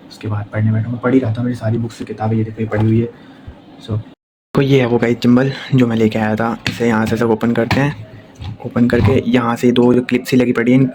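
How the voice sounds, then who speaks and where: Young man vlogging on a noisy phone. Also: medium pitch. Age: young adult. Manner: chatty, rambling, talking to camera about his day. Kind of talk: casual daily vlog. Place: home and rooftop. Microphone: phone held in hand.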